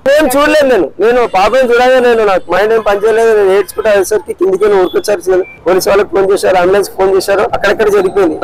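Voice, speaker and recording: A man's voice: sits high, low-quality recording. A man, a grieving father in an emotional street interview, talking in a repetitive, pleading way. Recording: crowd noise outdoors.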